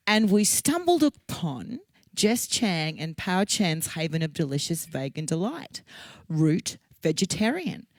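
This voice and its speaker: Upbeat woman host, mid pitch, dry close sound, enthusiastic. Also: no room sound. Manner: bubbly and enthusiastic, gushing with praise. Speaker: show host. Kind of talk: casual chat and presenting.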